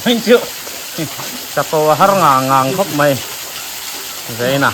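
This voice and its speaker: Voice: mid-range voice, lively intonation, a little slow. A person chatting casually outdoors, laughing between remarks. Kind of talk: casual chat while out in the field. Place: outdoors near water. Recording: noisy outdoor recording, running water.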